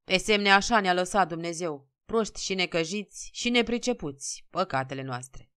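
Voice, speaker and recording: A woman's voice: medium pitch, sing-song, fairly bright tone, clear, resonant tone, dry recording, clean studio sound. A woman voicing a humble, pleading old peasant man in a storybook reading. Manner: pleading, meek.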